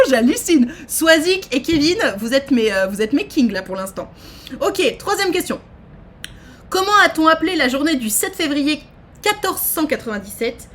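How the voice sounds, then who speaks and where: A woman, hosting a trivia quiz on a live stream and chatting with her viewers in a lively, exclamatory way. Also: sits high. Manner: animated, exclaims and reads questions aloud to chat. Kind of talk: casual live-stream chat.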